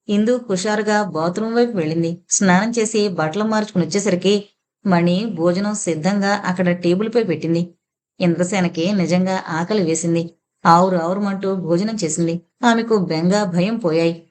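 A woman narrating an audio novel in a steady storytelling manner. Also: lowish voice. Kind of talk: scripted novel reading.

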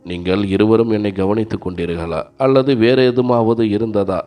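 A man's voice: on the low side, moderate pace, dark tone, faint music behind, lightly acted. A man voicing an elderly father who speaks firmly and measuredly in a storybook reading. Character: elderly father, quiet turned defiant.

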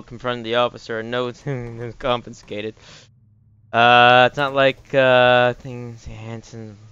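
A man's voice: mid-range voice, bright, forceful tone, smooth, muffled recording. A man giving casual gameplay commentary, muttering and thinking aloud as he goes. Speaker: game streamer. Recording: faint background noise, clicking.

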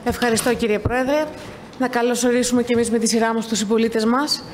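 A woman council member making an earnest, measured speech at a municipal council meeting. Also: fairly high pitch, flat delivery, slight background noise.

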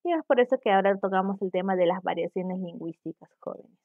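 Her medium-pitched voice comes fast over narrow, tinny audio. She's a young adult from Peru leading a virtual lesson, explaining each point and asking students for confirmation as she goes.

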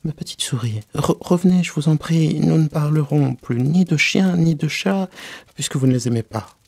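A man's voice: fairly high pitch, normal speed, creaky, a little mellow, no room sound, pitched above the performer's own voice. A man voicing Alice, a polite, anxious young girl who chatters in a coaxing, apologetic way. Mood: pleading.

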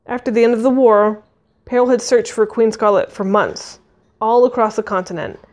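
A woman reading a fantasy novel aloud, narrating expressively and voicing the dialogue. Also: medium pitch. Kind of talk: audiobook reading.

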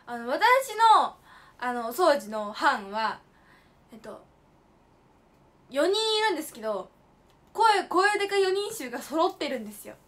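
A woman's voice: high-pitched, sing-song, unhurried, pauses often, fairly bright tone. A young woman in her late teens hosting a casual livestream, telling stories with playful, emphatic asides and mixing polite speech with slang. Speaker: idol livestream host.

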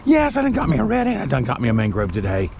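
A middle-aged man, narrating his fishing trip to an action camera in excited, folksy commentary. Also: medium pitch, quick pace. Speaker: fishing vlogger. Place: outdoors on a windy waterfront. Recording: outdoor wind and boat noise. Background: wind and water ambience.

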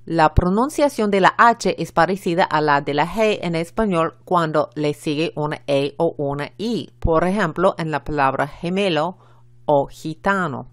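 A woman co-presenting a pronunciation lesson, calmly announcing letters and explaining sounds. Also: low voice, no room sound. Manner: measured, announces each letter. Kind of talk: scripted lesson narration.

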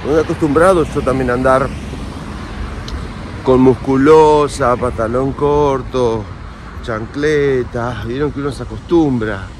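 Holding his phone out at arm's length, an Argentine-accented vlogger in his forties strolls through the city streets and a park, then sits at a café, talking to viewers in a casual, confiding way. He speaks at medium pitch and without hurry, against clear street and traffic noise.

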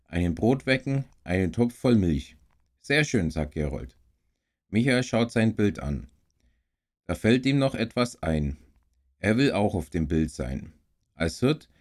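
A man reading a children's story aloud in a slow, calm, even manner. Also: fairly low pitch. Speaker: story reader and streamer.

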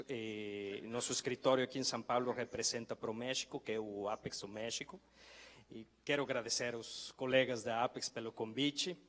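A man's voice: medium pitch, fairly bright tone. A middle-aged man giving a conference presentation, hesitant and often correcting himself. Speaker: trade promotion representative. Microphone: handheld microphone. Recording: reverberant conference hall.

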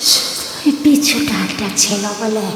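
A woman's voice: medium pitch, measured pace, noisy background, natural voice. An actress voicing the anguished ghost of a murdered young woman, pleading in a sing-song wail in an audio horror drama. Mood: begging. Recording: heavy echo with long hall reverb.

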